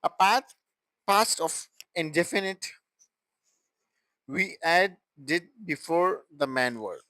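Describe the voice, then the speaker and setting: A young man teaching an English grammar lesson, explaining slowly and deliberately and repeating example sentences. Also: fairly high pitch, lively intonation, pushed and bright, no echo, rough recording.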